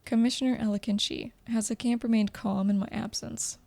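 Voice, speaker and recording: A woman's voice: on the high side, fairly even intonation, moderate pace, creaky, dark tone, dry recording, faint music behind. A woman voicing a proud, wary female lizard squad commander in a game story. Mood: curt. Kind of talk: gameplay story read aloud.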